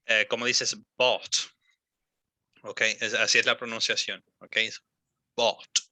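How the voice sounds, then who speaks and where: A young man coaching a student's English pronunciation over a call. He is patient, models each word slowly and fills gaps with ums and eh. His voice is bright and sharp, recorded dry and close. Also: lowish voice, flat delivery, no room sound. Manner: patient, repeats and models words slowly, many fillers. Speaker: English teacher.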